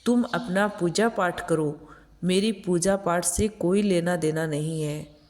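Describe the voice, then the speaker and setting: A woman's voice: on the low side, takes it slowly, a little mellow, in a large hall. A woman voicing an irreverent young daughter-in-law who scolds dismissively, in a storybook reading. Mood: scornful.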